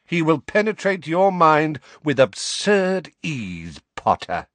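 A man's voice: lowish voice, wildly swooping pitch, slow, a bit bright, no echo, exaggerated voice. A man voicing a cold, menacing male teacher who speaks in clipped, cutting phrases. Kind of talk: audiobook character voice.

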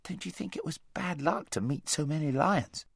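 A man reading aloud and voicing a frightened, tired young boy who pleads in a high, almost screaming voice. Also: normal speed, vocal fry, breathy edge, no room sound, studio quality. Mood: pleading.

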